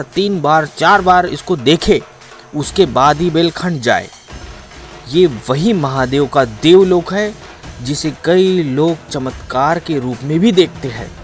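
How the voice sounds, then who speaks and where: A man narrating a travel film in a dramatic, chatty storytelling manner. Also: on the high side.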